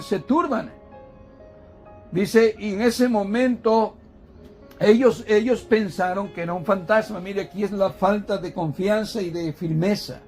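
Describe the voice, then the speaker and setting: A high-voiced man preaches a sermon in church, repeatedly asking the congregation questions and addressing them as brothers. He repeats and restarts words as he goes, while soft music plays faintly in the background.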